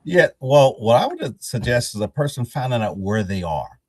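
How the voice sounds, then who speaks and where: Guy in a live class answering, pitch jumps around a lot, dry close sound. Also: big pitch swings, moderate pace, darkish tone, no room sound. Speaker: class participant.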